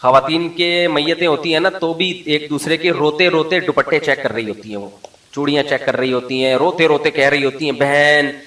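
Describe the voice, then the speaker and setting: A man gives a humorous religious lecture. His voice is fairly high and sharp, and he tells stories with lively mimicry. The sound is roomy and he stands a bit back from the mic. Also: fairly quick, distant mic. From Pakistan. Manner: animated storytelling, mimics the people he quotes. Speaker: Islamic scholar.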